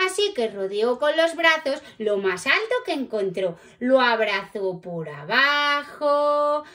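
A woman with a Peninsular Spanish accent reading a picture book aloud to children, animated and talking straight to her young listeners. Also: sits high, takes it slowly. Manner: animated, talks directly to the children. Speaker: children's storyteller.

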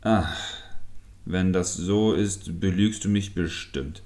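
A man's voice: low-pitched, slow pace, mellow. A man playing a grumpy, short-tempered fisherman who scolds and threatens his fishing hook in a storybook reading. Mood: angry. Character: grumpy, hot-tempered adult male fisherman.

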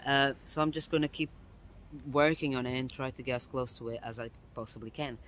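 The young vlogger speaks fairly quickly in a medium, slightly bright voice with fairly even intonation, slight noise behind him. Walking a woodland path with his phone camera at arm's length, he chats casually, explains things step by step, and frequently restarts.

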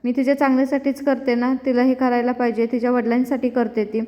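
A bossy, quick-tempered middle-aged mother who scolds without letup, as a woman acts her out in a serial recap. Her voice is high. The sound is muffled, with a long echo. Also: level tone, lightly acted. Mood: scolding. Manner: scolding, insistent.

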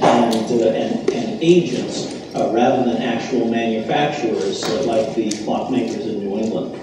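A man with a Boston accent giving a public lecture, talking plainly with many "uh"s. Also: mid-range voice. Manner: filler-heavy, relaxed and self-deprecating. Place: lecture hall. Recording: echoey hall, distant mic, faint hiss.

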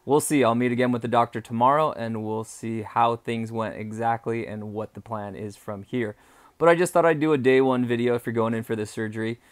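Clear-voiced man talking through a casual vlog. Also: medium pitch, steady tone, brisk, dry recording. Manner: conversational, explanatory walk-through. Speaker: vlogger. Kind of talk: casual first-person vlog talk. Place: small room, bedroom, indoors.

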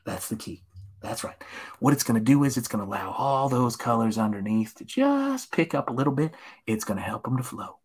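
A man from Tennessee talks his way through a painting on a live stream in a slightly husky, mid-pitched voice. His patter is gentle and reassuring, and he often drops to a near whisper while he works the brush. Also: sing-song, fairly quick. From Tennessee, USA. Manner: soft, gentle encouraging patter, often sliding into a hushed whisper.

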